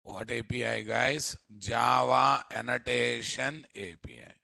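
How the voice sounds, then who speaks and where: Indian guy doing a live coding class, bit gravelly, dry close sound, keeps asking questions. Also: mid-range voice, slow pace, sharp tone, no echo. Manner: repeatedly quizzing listeners with tag questions. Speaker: programming instructor. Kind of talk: live coding lecture to students.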